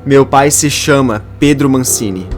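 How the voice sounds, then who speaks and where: A man's voice: medium pitch, a little slow, soft background music, voice pushed up, close to an everyday voice. A man voicing a grieving, determined young daughter in a narrated soap opera summary.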